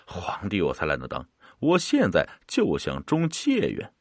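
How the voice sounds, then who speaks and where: A man's voice: low voice, wildly swooping pitch, a little slow, slightly rough, dry recording, studio quality, exaggerated voice. A man voicing a greedy, nervous young male scholar who stammers when frightened. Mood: eager. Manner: stammering, anxious.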